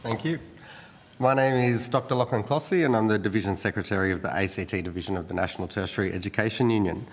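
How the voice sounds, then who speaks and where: A man, a union official, reading a formal, measured opening statement to a committee. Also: fairly low pitch. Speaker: union division secretary. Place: committee hearing room. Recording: echoey hearing room with long reverb.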